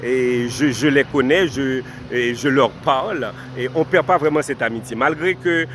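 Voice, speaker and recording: A man from Haiti, whose first language is Haitian Creole, gives earnest life advice outdoors in a direct-to-camera vlog. His medium-pitched, fairly bright voice moves at a measured pace over slight background noise. He addresses viewers formally and repeats points for emphasis.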